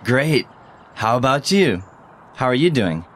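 A man's voice: mid-range voice, sing-song, measured pace, a bit bright. A man acting out a friendly young male student in a casual scripted chat for a language lesson.

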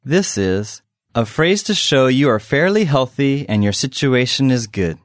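Guy teaching phrases, clear and steady, lively voice, dry studio sound. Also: medium pitch, no room sound. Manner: clear, measured, explanatory. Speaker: language lesson host. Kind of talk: scripted lesson explanation.

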